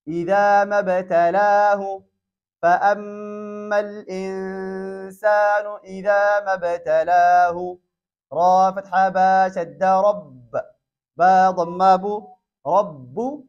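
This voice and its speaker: A man with a high voice leads a Quran reading lesson, spelling letter by letter before blending syllables into words. He moves at an unhurried, careful pace. The recording is dull and lo-fi. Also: darkish tone. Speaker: Quran teacher.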